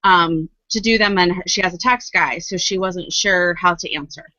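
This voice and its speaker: A woman's voice: on the low side, moderate pace, sharp tone, no echo, lo-fi sound. A woman relaying a listener question in a round table chat, a little hesitant.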